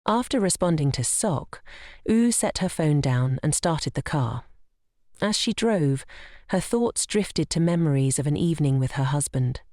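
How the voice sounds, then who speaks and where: A woman narrating a comic story recap in an even, steady, scripted storytelling manner. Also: deep voice, unhurried, dry recording, studio quality.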